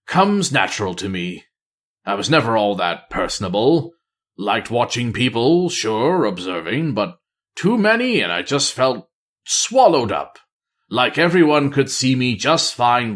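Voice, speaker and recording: A weary veteran spy master, as a man reads him aloud, speaking in a low, quiet murmur with a dry, wry edge. His voice swings up and down through its range even as it stays hushed. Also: unhurried. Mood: wistful. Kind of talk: audiobook-style character reading.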